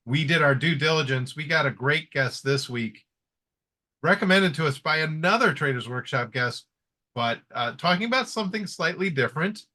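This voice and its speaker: A man's voice: fairly high pitch, lively intonation, normal speed, bright, forceful tone. A man hosting a live trading webinar, talking in a friendly casual way with many fillers and restarts. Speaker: webinar host.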